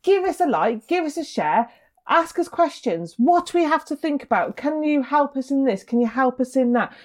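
A woman's voice: high voice, normal speed. A middle-aged woman, co-hosting a wedding podcast in casual chat with lots of ums. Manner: chatty, lively, lots of ums. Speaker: podcast co-host, wedding photographer.

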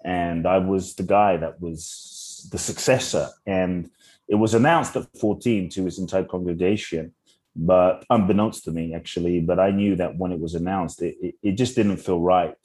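A young adult man, a podcast guest from Ghana and London, telling his life story earnestly with slow, searching restarts. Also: deep voice, fairly even intonation, a little mellow, slightly rough. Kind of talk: reflective interview storytelling.

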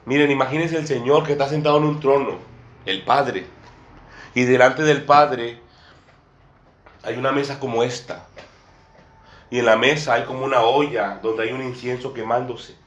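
A man's voice: medium pitch, steady tone, moderate pace, long pauses, a bit bright, slight background noise. A man preaching a sermon to a small congregation, often repeating phrases and calling his listeners brother and sister. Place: church room with a table and a small congregation. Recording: echoey room.

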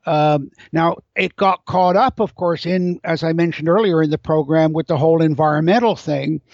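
A man's voice: fairly high pitch, moderate pace, darkish tone, no echo. An older English-born man with a North American accent, explaining things at length as an interview guest. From England. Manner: lecturing, digressive storyteller. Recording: dull lo-fi audio.

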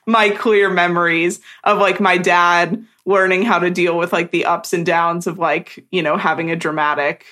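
Chatty young woman with a bright voice. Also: fairly low pitch, steady tone, moderate pace, few pauses. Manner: chatty storyteller, heavy use of "like". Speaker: podcast co-host. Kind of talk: casual chat.

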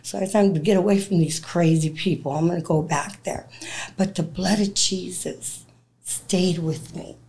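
A woman telling her personal testimony as a guest, animated, acting out the voices of people in her story and laughing as she talks. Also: on the low side, moderate pace. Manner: animated, acts out quoted dialogue. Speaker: interview guest.

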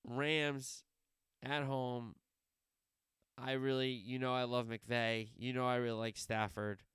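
A man's voice: mid-range voice, flat delivery, slow, fairly bright tone, smooth, no room sound, clean studio sound. A man hosting a solo sports podcast, previewing games in a rambling way, wandering off on tangents and correcting himself as he talks.

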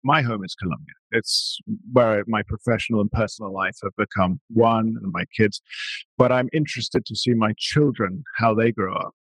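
A man, likely from England, hosting a podcast interview in a relaxed, conversational way. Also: on the low side, normal speed, husky, dry recording, low-quality recording. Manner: relaxed conversational, laughs easily. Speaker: podcast host.

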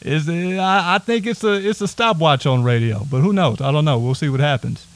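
A man hosting a podcast from a house, talking loose and hyped with plenty of shout-outs. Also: fairly high pitch, fairly quick, dry recording. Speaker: podcast host. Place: a house set up as a home studio.

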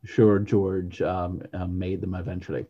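A man's voice: low-pitched, little pitch movement, a little slow, lo-fi sound. A man co-hosting a podcast, chatting casually and rambling, with many fillers and restarts. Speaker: podcast co-host. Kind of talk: casual chat.

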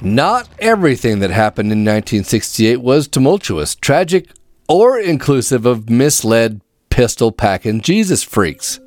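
A man's voice: mid-range voice, big pitch swings, measured pace, darkish tone, no echo. A man reading a scripted narrative as a storyteller, with dramatic, folksy phrasing.

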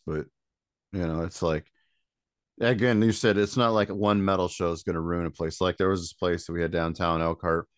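Low-voiced easygoing male guest. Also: dry recording, clean studio sound. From Michigan, USA. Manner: easygoing, laughs often. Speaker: musician guest. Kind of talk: casual interview chat.

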